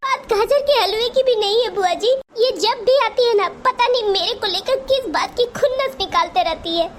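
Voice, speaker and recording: A woman's voice: extremely high pitch, moderate pace, a little hiss or hum, pitched above the performer's own voice. A woman voicing a meek young daughter-in-law in a Hindi cartoon, pleading and apologetic. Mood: tearful.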